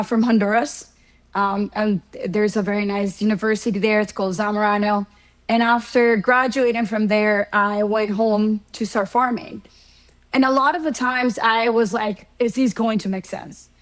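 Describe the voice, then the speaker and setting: A woman's voice: mid-range voice, low-quality recording. A middle-aged woman from Ecuador, a guest professor explaining her field in a conversational interview, with ordinary fillers and worked examples. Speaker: guest, horticulture economics professor.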